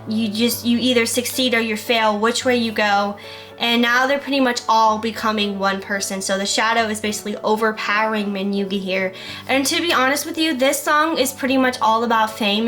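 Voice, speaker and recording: Casual girl in her 20s breaking down lyrics, lots of likes and ums, clear bright voice, a bit high. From Florida. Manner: chatty and animated, heavy use of "like" and "um". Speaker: YouTuber. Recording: soft piano music underneath. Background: piano music.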